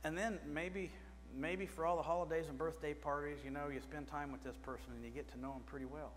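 Speaking fairly quickly with a slightly high voice and fairly even intonation, this middle-aged preacher addresses a small church congregation conversationally and questions them from the pulpit. His pulpit mic captures the church's reverb along with faint mains hum.

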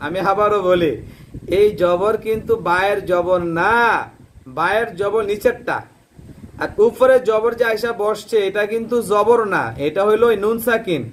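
High-voiced teacher. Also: male voice, normal speed, a little hiss or hum. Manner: drills syllables by repetition, asks and answers his own questions. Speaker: Quran reading teacher. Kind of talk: Quran reading lesson.

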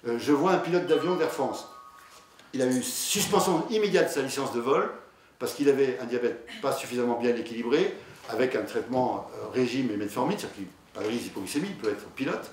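A man's voice: mid-range voice, animated, fairly quick. A man, a diabetologist, giving a conversational conference lecture, hesitant with many fillers and restarts, telling patient anecdotes. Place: lecture hall. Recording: echoey hall, distant mic, faint noise.

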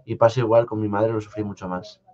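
This is a young male live-stream host from Spain, with a Spanish accent and a voice on the low side, chatting casually from a home studio. His intonation is fairly even as he answers viewer comments softly and haltingly, frequently starting over. The lo-fi stream audio is slightly dull.

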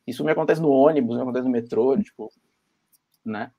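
A man's voice: medium pitch, a little fast, lo-fi sound. A Brazilian man with a Brazilian Portuguese accent, talking on a video-call panel and thinking aloud with many fillers and restarts. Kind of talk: academic panel discussion.

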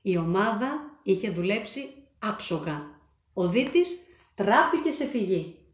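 A woman reading her children's book aloud, with animated, expressive storytelling. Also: mid-range voice. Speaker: storyteller and author. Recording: echoey room.

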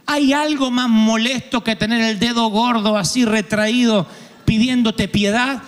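A man with an Argentine accent preaching a humorous sermon, acting out quoted voices and breaking into sudden shouts. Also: very high-pitched, steady tone, unhurried, big-room sound. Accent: Argentine Spanish. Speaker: pastor.

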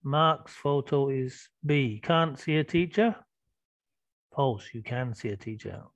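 Slow-talking male teacher on a call. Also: mid-range voice, dry recording. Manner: patient, prompting students with questions. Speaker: English teacher. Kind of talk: online class teaching. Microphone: video call. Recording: lo-fi video call audio.

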